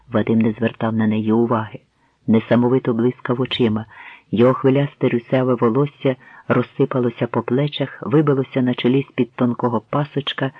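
Brief: male audiobook narrator, measured storytelling, mid pitch, phone-like dry recording. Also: husky, dry recording. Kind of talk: scripted narration. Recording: tinny phone-like dry sound.

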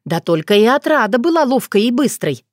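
A woman narrating an audiobook in an expressive storytelling manner. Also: a little high, brisk, dry recording. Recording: dry close recording.

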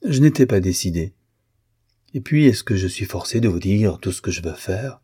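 A man's voice: fairly low pitch, animated, moderate pace, dark tone, breathy edge. A man voicing a proud, secretive young male violinist in a storybook reading, speaking curtly and touchily. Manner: curt, touchy.

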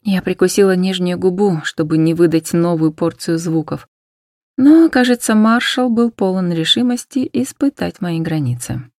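A woman narrates a first-person story in a soft, intimate, hushed manner, with the occasional breathy whisper. Her voice sits on the low side, and the recording is dry and close to the microphone. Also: normal speed, no echo. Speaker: audiobook narrator.

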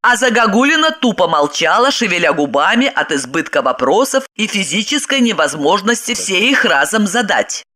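A woman narrating an audiobook in an expressive, lively reading. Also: mid-range voice, moderate pace, few pauses.

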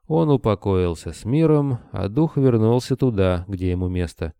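A man's voice: lowish voice, normal speed, creaky, smooth, no room sound. A man voicing a grim, deathless monster hunter who speaks dryly and tersely. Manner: dry, calm, terse.

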